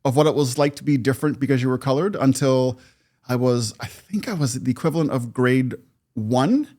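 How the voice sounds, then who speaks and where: A man's voice: mid-range voice, a little fast, warm tone. A man in his fifties from Canada, a podcast guest recounting his life in a reflective, conversational way, often laughing. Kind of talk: personal storytelling in conversation.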